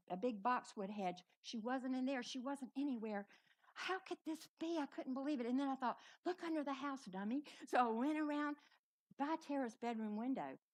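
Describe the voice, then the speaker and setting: Middle-aged woman storyteller, bright and a touch high-pitched, animated stage delivery. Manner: dramatic, animated telling with shouted outbursts. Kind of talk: live personal storytelling. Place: live festival stage.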